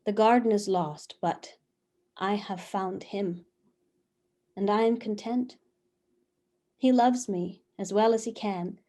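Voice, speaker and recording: A woman's voice: mid-range voice, darkish tone. An actress playing Eve as a passionate young wife, speaking earnestly and lingering over her words over a video call. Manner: earnest, lingering, heartfelt delivery. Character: first woman, passionate devoted young wife. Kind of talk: theatrical reading of a one-act play.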